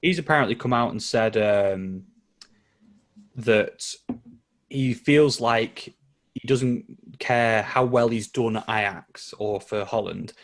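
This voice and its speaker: A man's voice: fairly low pitch, slow pace. A man from England co-hosting a football podcast, chatting casually and telling a story with a laugh. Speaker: podcast co-host. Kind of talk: casual chat.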